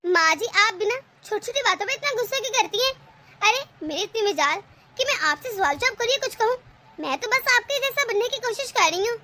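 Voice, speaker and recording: A woman's voice: very high voice, animated, a little fast, pushed and bright, slight background noise, full character voice. A woman voicing a clever young daughter-in-law in a cartoon, sweetly polite but cheeky. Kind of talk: animated cartoon voice acting.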